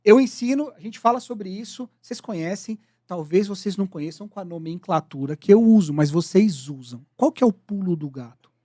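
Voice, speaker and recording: A man's voice: high-pitched, lively intonation, a little fast, mellow, dry recording, clean studio sound. A man co-hosting a podcast, teaching sales communication in an explanatory, lecturing manner that defines terms step by step. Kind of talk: casual podcast discussion.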